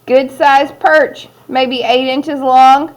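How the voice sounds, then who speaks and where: A woman reading a storybook and voicing a calm adult male scoutmaster with measured, unhurried remarks. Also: sits high. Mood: calm, approving. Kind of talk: storybook character voice.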